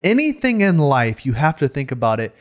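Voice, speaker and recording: A man's voice: fairly high pitch, very animated, a little fast. A man in his thirties co-hosting a casual reaction podcast, opinionated and fond of rhetorical questions, close on a studio mic. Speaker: podcast co-host. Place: small foam-treated studio. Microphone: close studio microphone on boom arm.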